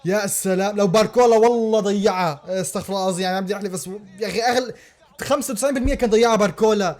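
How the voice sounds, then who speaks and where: Male football reactor, pitched high, loud repeated exclamations. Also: very fast, faint music behind. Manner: excitable, exclaiming and repeating himself. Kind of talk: live match reaction.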